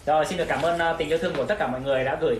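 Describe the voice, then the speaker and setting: Fast-talking young man in an echoey room. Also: fairly high pitch, steady tone. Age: young adult. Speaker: vlog host. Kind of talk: casual unboxing chat, reading gift cards aloud. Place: small decorated indoor room. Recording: roomy echo, distant mic, clear background noise.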